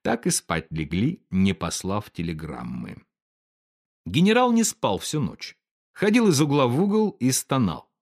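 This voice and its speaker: A man reading a story aloud with a lively, dramatic delivery. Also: mid-range voice, unhurried. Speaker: narrator.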